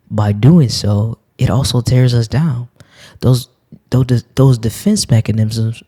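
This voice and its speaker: A man's voice: mid-range voice, dark tone. A man giving an earnest spiritual talk while reading cards, repeating phrases for emphasis.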